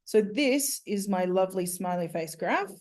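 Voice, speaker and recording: A woman's voice: mid-range voice, animated, darkish tone. A woman teaching a maths class, working through a problem step by step and quizzing her students as she goes. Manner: slow, step-by-step questioning of students. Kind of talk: classroom lesson.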